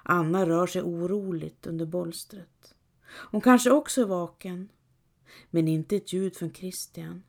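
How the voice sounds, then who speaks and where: A woman narrating a novel excerpt in a calm, measured reading. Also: on the low side, creaky. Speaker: audiobook narrator. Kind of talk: scripted narration.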